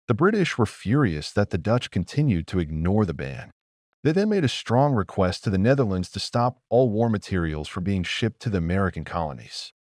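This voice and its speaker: A man giving scripted history narration as a documentary narrator, with steady storytelling delivery. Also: lowish voice, no echo, studio quality.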